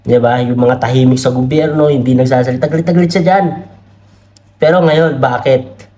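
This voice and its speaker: A man's voice: medium pitch, fairly even intonation, fairly quick, warm tone. A man with a Filipino accent giving casual political commentary, chatty and laughing often, reading comments aloud. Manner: chatty, laughs often, many tag questions; reads comments aloud from screen. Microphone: camera mic.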